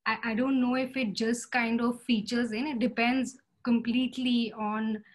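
A woman's voice: on the high side, flat delivery, moderate pace. A woman in her thirties speaking on a video call from home, hesitant, with many fillers and restarts. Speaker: panelist artist. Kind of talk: casual video call discussion. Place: home room indoors. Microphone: laptop webcam video call.

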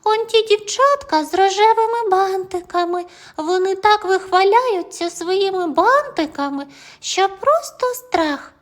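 A woman's voice: extremely high pitch, expressive, a little slow, voice pushed up. A woman voicing the kindest little girl in a kindergarten group, sweet and soothing, in an audio fairy tale.

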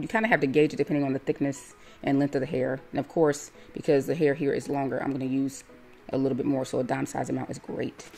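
Low-voiced woman calmly narrating a hair tutorial. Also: vocal fry. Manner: calm, step-by-step instructive. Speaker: hair stylist.

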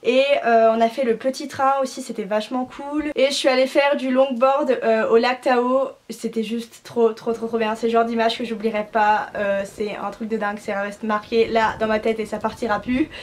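A woman's voice: a little high, little pitch movement, moderate pace, few pauses. A young woman from France in her twenties, chatting to camera in a gushing, slangy way with lots of fillers. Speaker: au pair vlogger. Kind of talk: casual talk to camera.

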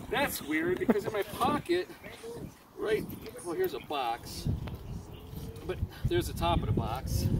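A Chicago man in his fifties with a very high-pitched, gravelly voice kneels on the sidewalk of a residential street, doing a card trick. A street magician and preacher, he counts cards aloud and banters with the onlookers he quizzes. A camera mic a few meters away picks him up amid loud street noise.

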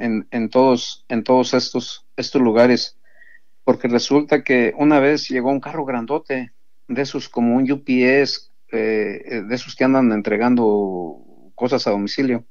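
In a dull, lo-fi recording, a pro-life sidewalk counselor gives his testimony, earnestly telling a story to listeners he addresses as brothers. He tends to repeat himself along the way. His voice sits in the mid-range with a slightly mellow quality.

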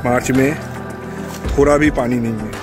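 A man's voice: mid-range voice, fairly even intonation, moderate pace, over loud music. A young man chatting to an action camera held at arm's length as he walks an outdoor trail for his travel vlog. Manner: chatty, talking to camera while hiking. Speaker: travel vlogger.

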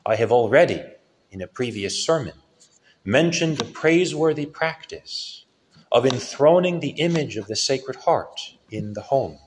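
A male priest giving a solemn sermon with a lively rise and fall in his preaching. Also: medium pitch, slight background noise. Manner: slow, solemn preaching with lively rises and falls.

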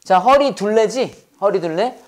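A man's voice: high voice, expressive, normal speed. A man teaching English in a classroom lecture, leading repeat-after-me drills and answering his own questions. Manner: asks questions and answers them himself, repeating phrases.

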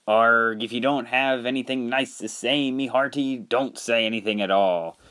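A man voicing a gruff old dockside engine who talks like a pirate sea dog, in a homemade storybook tale. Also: medium pitch, steady tone, moderate pace, bright, forceful tone, close to an everyday voice. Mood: cross. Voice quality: pirate-like growl.

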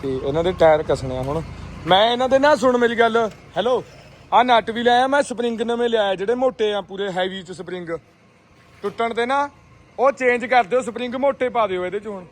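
High-voiced, hearty bantering Punjabi man. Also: a little fast. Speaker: tractor vlogger and farmer. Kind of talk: casual chat and banter outdoors. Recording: outdoor sound with faint vehicle noise.

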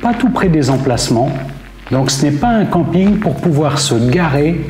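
A man's voice: on the high side, normal speed. Roomy-sounding man narrating a travel vlog. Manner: clear, steady presenter delivery. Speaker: travel vlogger. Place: indoor room with brick wall. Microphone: seated facing camera at table. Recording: roomy echo with soft music behind.

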